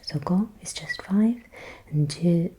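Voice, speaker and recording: A woman whispering softly in ASMR style, slowly repeating words and thinking aloud as she guesses. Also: fairly low pitch, breathy edge, low-quality recording. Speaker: ASMR creator.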